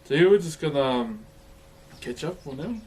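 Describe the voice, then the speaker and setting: A livestreamer with a broad Kiwi accent greets viewers and chats casually in a laid-back, chummy, slangy manner, with noticeable background noise. His fairly high voice is animated and darkish with a breathy edge, at a moderate pace.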